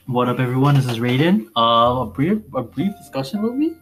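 A man's voice: medium pitch, sing-song, brisk, soft background music. A man in his twenties, co-hosting a casual podcast, laid-back and joking. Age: 20s. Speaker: podcast co-host. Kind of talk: casual chat.

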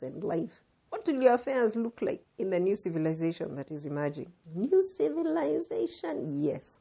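A woman with a Kenyan accent hosting a podcast, delivering scripted narration with deliberate, emphatic phrasing. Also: fairly low pitch, dark tone, husky. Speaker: podcast host.

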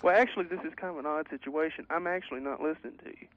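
A man's voice: on the high side, very fast, no echo. A man from Kentucky calling in to a radio show, chatting casually in a folksy, polite, joking way. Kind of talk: casual phone-in chat. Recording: dull lo-fi phone call on radio.

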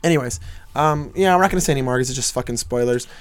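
A man's voice: medium pitch, clean tone, dry recording. A young man co-hosting a casual movie podcast, talking loosely with lots of swearing, jokes and laughter. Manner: loose, profane and laughing, quick to joke. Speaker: podcast co-host.

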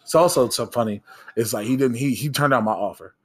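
A man co-hosting a casual podcast, telling an animated story full of swearing. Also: medium pitch, fairly quick, a little hiss or hum. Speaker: podcast co-host.

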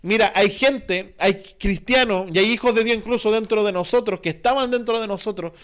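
Chilean male pastor, very high voice, earnest sermon delivery, keeps asking the congregation questions. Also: fairly quick, a bit bright. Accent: Chilean Spanish. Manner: earnest, repetitive preaching with rhetorical questions.

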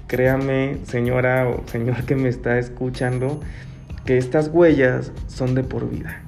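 A man, explaining earnestly to parents as a guest expert, pausing and restarting often. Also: mid-range voice, a little mellow. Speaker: guest expert on child bullying. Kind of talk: radio-style talk, advising parents.

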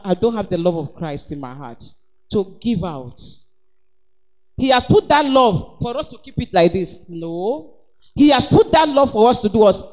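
Nigerian woman preacher, high-pitched, emphatic and exhorting. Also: darkish tone. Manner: emphatic, exhorting, calls of praise. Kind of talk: sermon.

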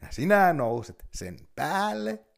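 A man's voice: on the high side, very animated, creaky, voice pushed up. A man voicing a sly fox in a storybook reading, with a coaxing, mocking manner.

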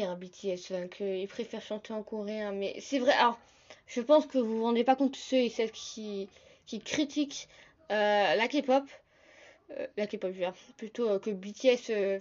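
A young woman hosting a casual solo podcast, talking fast and chatty, often calling her listeners "the guys". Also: fairly high pitch, lo-fi sound. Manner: fast, chatty, addresses listeners as "les gars". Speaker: podcast host.

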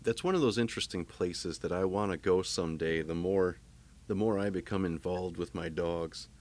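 A man's voice: deep voice, moderate pace. A man hosting a podcast, chatting in an easygoing way with a guest. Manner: relaxed, easygoing, many restarts. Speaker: podcast host. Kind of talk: casual interview chat.

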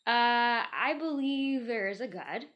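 A woman's voice: on the high side, expressive, slow, dull audio. Playful, laughing woman guest. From Iowa, US. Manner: playful, laughs often, chatty. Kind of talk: casual interview.

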